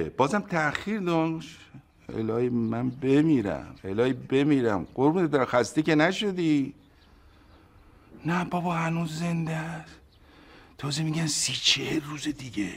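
A man's voice: a little high, vocal fry, slight background noise. An actor playing a sly, scheming husband who turns syrupy on the phone to his wife in a TV comedy. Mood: doting. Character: scheming husband waiting on a rich uncle's death. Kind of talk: TV comedy acting.

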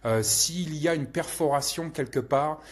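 A man's voice: on the high side, measured pace, breathy edge. A man hosting a casual live question-and-answer session, rambling with many hesitations and crude slang. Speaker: channel host answering viewer questions.

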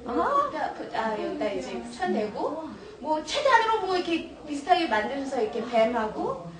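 A woman teacher trainer giving a storytelling workshop, animated and often laughing, mixing English words into her talk. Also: sits high, normal speed, far from the mic, a crowd in the background. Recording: echoey room, recorded from afar, noisy.

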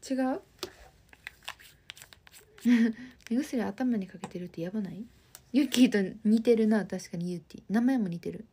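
A woman in her twenties from Osaka, Japan, speaks in the Osaka dialect as she hosts a livestream, reading comments and chatting with viewers in a friendly way. She talks unhurriedly, pausing often, in a medium-pitched voice that is husky and dark-toned.

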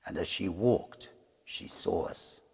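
With a low-pitched, gravelly, husky tone, a middle-aged man tells a gothic ghost story. He keeps it measured and suspenseful, with a theatrical flair.

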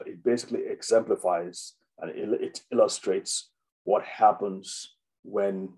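A man's voice: deep voice, mellow, breathy edge, rough recording. A man, a doctor, giving an unscripted health webinar, with many fillers and restarts. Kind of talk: informal health talk.

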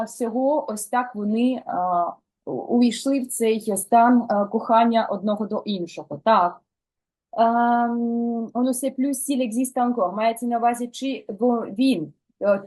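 A woman teaching a French lesson who explains song lyrics and slowly models pronunciation for the learners to repeat. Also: on the high side, a little mellow.

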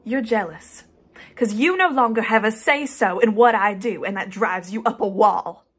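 A woman's voice: medium pitch, moderate pace, slightly rough, close to an everyday voice. A young woman playing a headstrong daughter in an emotional, insistent dramatic monologue addressed to her mother. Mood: angry, accusing. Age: young adult. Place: small indoor room, plain wall.

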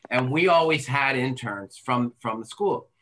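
A man's voice: mid-range voice, measured pace, fairly bright tone, slight background noise, poor audio. A man on a video call panel, speaking wryly with jokes. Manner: wry, joking.

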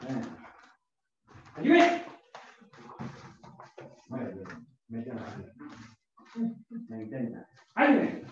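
Recorded by a camera across a small home dojo, the audio is distant, echoey and dull, with faint noise. On the mats, a middle-aged karate instructor calls counts and brief drill commands in gym-coach style, his lowish, mellow voice measured and often pausing.

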